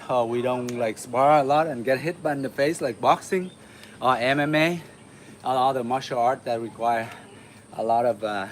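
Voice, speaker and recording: A man from Vietnam hosting a martial arts livestream, chatting casually with viewers while he warms up, with lots of uh fillers. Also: medium pitch, slight background noise. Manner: relaxed, chatty, many uh fillers, laughs often. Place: home in the city.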